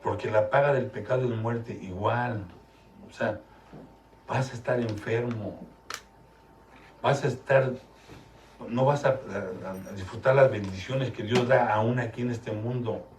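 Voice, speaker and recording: A man's voice: medium pitch, unhurried, long pauses, slight background noise. Man, pastor, emphatic sermon, questions to the congregation, roomy echo, distant mic. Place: church service.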